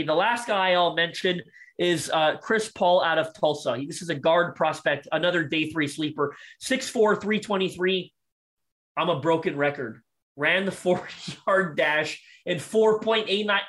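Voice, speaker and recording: A man with a high voice talks through draft prospects on a podcast. He is eager and quick, slightly out of breath, often restarting his sentences. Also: a bit bright. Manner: fast, enthusiastic, many restarts. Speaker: draft analyst guest. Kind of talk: podcast sports talk.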